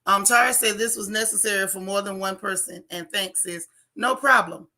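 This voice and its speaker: Female livestream news host, wheezy rasp, forceful edge, casual but emphatic delivery with repeated phrases. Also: mid-range voice, moderate pace. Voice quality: raspy, wheezy voice. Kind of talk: casual livestream talk, answering viewer comments.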